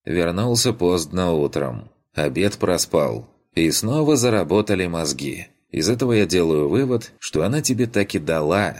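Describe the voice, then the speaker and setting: A man's voice: low-pitched, very animated, moderate pace, hardly any pauses, darkish tone, voice pushed up. A man voicing a cheeky young former student in an audiobook, with a sardonic, teasing manner. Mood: mocking.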